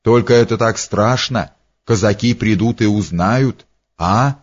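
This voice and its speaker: A man voicing an excitable, fawning little man who speaks broken, exclaiming phrases. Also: on the low side. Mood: fretful. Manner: broken grammar, exclamations, drawn-out words. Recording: dull lo-fi recording.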